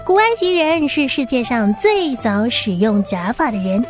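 Female children's radio host, high and swooping delivery, animated and simple as if to small children. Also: moderate pace, faint music behind. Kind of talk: children's programme presenting.

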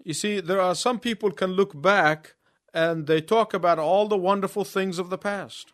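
A man's voice: high-pitched, fairly bright tone, no echo. Male preacher, phrase-by-phrase storytelling sermon, light voice, close dry sound. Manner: storytelling, pausing in short phrases for the interpreter. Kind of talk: sermon with live interpretation.

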